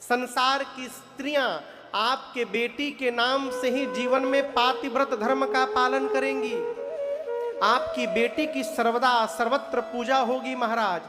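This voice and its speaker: A male katha preacher from eastern Uttar Pradesh tells devotional stories in a sermon, his very high voice moving unhurriedly with fairly even intonation. He prods the audience with questions and answers and breaks into chanted verses. The hall is reverberant with a long echo and faint music.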